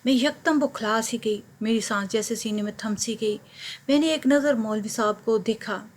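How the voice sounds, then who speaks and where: A woman narrating a first-person story in a steady, earnest storytelling manner. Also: fairly high pitch, moderate pace, slight background noise.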